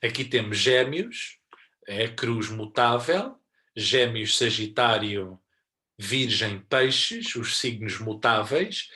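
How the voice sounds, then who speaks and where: A man with a European Portuguese accent giving an astrology lesson, explaining patiently and growing more animated as he stresses his points. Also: mid-range voice, slow. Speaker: astrology teacher.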